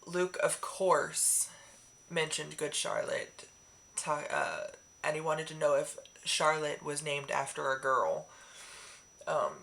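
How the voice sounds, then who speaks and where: A woman vlogger chatting casually in a rambling, excitable way with many fillers. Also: low-pitched, slow pace, gravelly, slight background noise. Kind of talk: casual chat.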